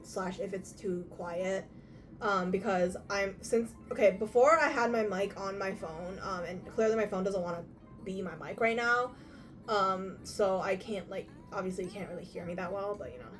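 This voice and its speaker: A woman's voice: mid-range voice, moderate pace. A young adult woman chatting casually on a livestream in a sweary, slangy, muttering way, heard from far off on a laptop mic. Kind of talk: casual livestream chat while crafting. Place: her room at home. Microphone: far from mic, laptop at a distance. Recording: distant laptop mic, music behind. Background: music.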